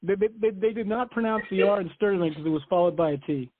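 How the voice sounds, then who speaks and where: A man's voice: sits high, fast. A man from Ohio, a guest author, talking casually and enthusiastically in a radio interview. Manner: enthusiastic, casual, laughs often. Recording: tinny phone-line audio.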